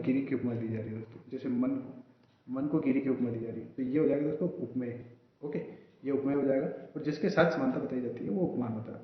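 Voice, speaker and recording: A man teaching a grammar lesson to students, explaining step by step and often checking in with his listeners. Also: mid-range voice. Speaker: coaching class teacher. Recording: very echoey room, muffled lo-fi sound.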